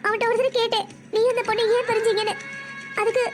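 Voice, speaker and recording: A woman's voice: very high-pitched, little pitch movement, quick pace, music in the background. A woman voicing a tearful teenage girl in a cartoon. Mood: heartbroken. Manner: tearful, complaining. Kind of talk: cartoon voice acting.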